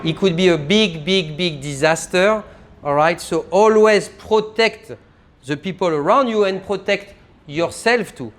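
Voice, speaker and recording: In a private tasting room, a male sommelier runs a live champagne tasting, explaining each step while he demonstrates. His lively voice sits high, and he speaks a little slowly.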